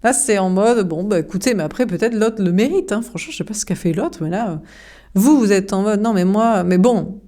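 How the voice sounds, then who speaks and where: A woman's voice: medium pitch, fairly quick, mellow. Chatty woman reading tarot cards. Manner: chatty, frank, many fillers. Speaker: tarot card reader.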